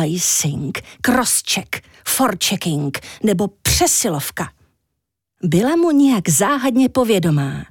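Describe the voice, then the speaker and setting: A woman narrating a children's story in an expressive, animated storybook reading. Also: medium pitch, no echo, clean studio sound.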